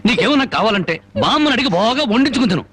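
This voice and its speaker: An actor playing a fiery, defiant man who thunders speeches and makes comically gruff threats in a film scene. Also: very high-pitched, expressive, racing, no room sound, full character voice. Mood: comic bluster. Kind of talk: Telugu film dialogue. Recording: film soundtrack with loud music.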